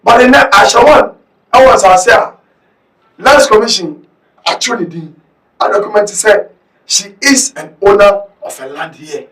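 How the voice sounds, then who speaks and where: Ghanaian man, very high voice, bright and sharp, heated political rant, echoey room, far from the mic. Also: unhurried, pauses often. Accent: Ghanaian English. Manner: heated, often shouting, switching between English and Twi. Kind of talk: impassioned political commentary.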